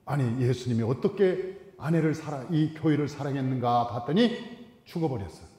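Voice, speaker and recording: A male pastor preaching a sermon in a church, telling humorous stories and swinging suddenly from loud to soft. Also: mid-range voice, expressive, brisk. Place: large church sanctuary. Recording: reverberant church hall.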